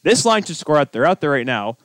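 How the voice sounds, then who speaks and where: A man's voice: fairly high pitch, very animated, fairly quick, a bit bright, no echo. Rambling sports podcast man, dry close sound. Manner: rambling, exasperated fan. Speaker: podcast co-host. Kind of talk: casual sports talk with live game commentary.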